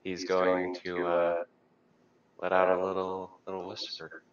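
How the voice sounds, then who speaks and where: A man chatting casually as a tabletop game player, hesitant and halting in his delivery. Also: sits low, monotone. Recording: dull, distant microphone.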